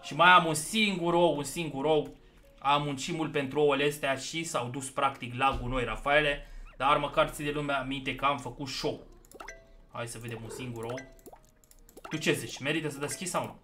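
Bright, excitable young gaming streamer man. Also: medium pitch, soft background music. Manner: excitable, swings between loud outbursts and muttering. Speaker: gaming YouTuber. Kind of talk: casual gameplay commentary.

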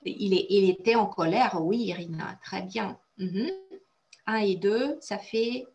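Russian-native woman teacher, unhurried, cheerful praise for students. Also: medium pitch. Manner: encouraging, praises students often; explains and translates phrases step by step. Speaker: French teacher. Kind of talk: online conversation class.

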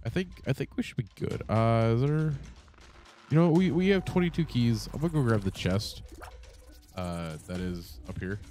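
A man's voice: mid-range voice, animated, normal speed, mellow, soft background music. A man with a congested voice giving casual, rambling gameplay commentary at home, swearing often and full of fillers. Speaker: gaming channel host. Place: home setup with monitor.

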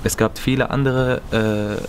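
With a mid-range voice, steady tone, and measured pace, a young footballer from Berlin, Germany, responds earnestly to interview questions. He's seated in the empty outdoor stands of a stadium, and the recording is noisy.

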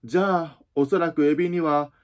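A man voicing a sorrowful, weepy old male Mock Turtle in a storybook reading, speaking low and heavy. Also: fairly even intonation, brisk, natural voice. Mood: mournful.

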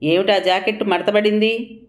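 A woman's voice: medium pitch, fairly even intonation, measured pace, natural voice. A woman voicing a cruel, domineering old mother-in-law. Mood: scolding. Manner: harsh, scolding.

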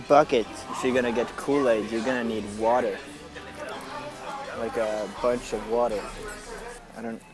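A man's voice: medium pitch, poor audio. Chatty young man from Estonia. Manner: rambling, chatty, excitable. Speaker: vlogger. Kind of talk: casual vlog narration. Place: large indoor grocery store.

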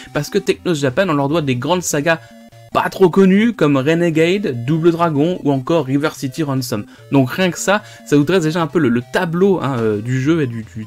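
A man hosting a retro gaming video, chatting loosely with many hesitations and restarts. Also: fairly high pitch. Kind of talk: casual gameplay commentary.

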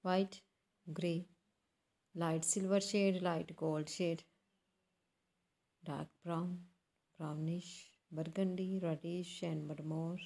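Female YouTube narrator, lowish pitch, very unhurried, phrase-by-phrase scripted read. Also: steady tone, vocal fry, warm tone. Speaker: YouTube channel host. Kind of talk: scripted voice-over narration for a slideshow.

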